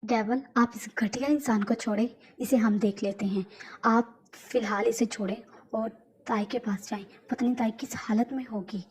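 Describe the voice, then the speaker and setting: A woman voicing a calm, loyal young male mafia aide in a fan audio drama, speaking low and measured. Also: husky, rough recording. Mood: calm urging. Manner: low, measured, urging restraint.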